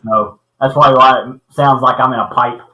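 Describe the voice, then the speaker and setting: A man's voice: medium pitch, fairly even intonation, a little fast, sharp tone, roomy sound, rough recording. A man co-hosting a casual fishing livestream from a small basement corner room, his voice hollow as if through a pipe, greeting viewers and teasing friends. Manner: laid-back, teasing, friendly. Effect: hollow pipe-like sound from a small basement corner room.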